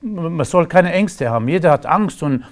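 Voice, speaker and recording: A man's voice: fairly high pitch, animated, normal speed. A middle-aged man from Romania with a Romanian accent, a guest in a casual interview, talking in long emphatic runs and laughing between remarks.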